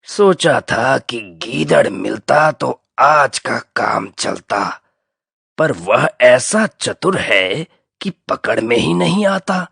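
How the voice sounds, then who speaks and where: A man voicing a hungry, gloomy male crocodile who talks slowly and heavily in a school audio drama. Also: mid-range voice, lively intonation, gravelly, fairly bright tone, slightly rough, no echo, clean studio sound, heavily acted. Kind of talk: textbook audio drama acting.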